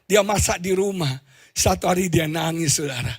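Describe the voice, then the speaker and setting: A middle-aged man with an Indonesian accent preaching a sermon as a pastor, telling stories with sudden loud exclamations and low asides. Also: normal speed, slightly rough. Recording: live church stream with faint music behind.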